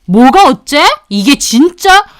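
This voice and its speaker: Arrogant young male restaurant owner, voiced by a woman, sneering and loud, clean close sound. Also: high-pitched, big pitch swings, slow, dry recording, exaggerated voice. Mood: angry shouting. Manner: arrogant, mocking, shouting.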